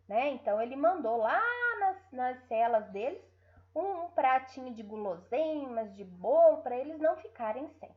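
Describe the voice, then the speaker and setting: A woman's voice: a little high, muffled recording. A woman teacher with a Brazilian Portuguese accent giving an online lesson to young pupils, stretching out syllables and often checking in with her listeners. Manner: drawn-out syllables, frequent checking tags.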